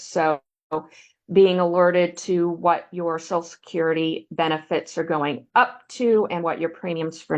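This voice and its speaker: A woman presenting a benefits counseling webinar, walking listeners through slides in a steady, explanatory way. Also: on the low side. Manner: explanatory, steady, uses "um" fillers.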